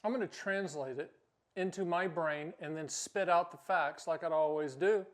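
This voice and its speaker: A man's voice: fairly high pitch, moderate pace. Man, host and agent; brash, wisecracking, self-promoting explainer. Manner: brash, joking, self-promoting with mock rants. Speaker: annuity agent and channel host. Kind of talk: casual talking-head explainer.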